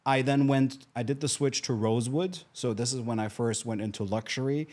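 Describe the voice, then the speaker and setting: A man's voice: medium pitch, brisk, darkish tone. A middle-aged man from Germany, a hotel marketing guest in a casual interview, talking with many fillers and restarts. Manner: chatty, frequent fillers and restarts.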